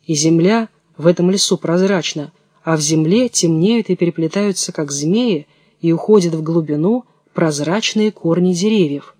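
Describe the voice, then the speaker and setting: A man reading a fairy tale aloud in a calm, even storytelling manner. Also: on the high side, normal speed, husky, no room sound, studio quality. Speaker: narrator. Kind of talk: storybook narration.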